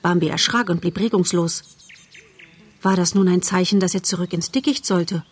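Expressive female audiobook narrator, low, husky voice. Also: normal speed. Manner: lively, expressive storytelling. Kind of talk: scripted narration of a children's novel.

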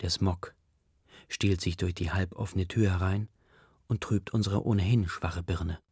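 A man narrates a story in a low, gravelly voice with a husky, rough edge. His reading is quiet and subdued. The recording is dry and close, with no room sound. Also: steady tone, unhurried, no echo. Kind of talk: audiobook narration.

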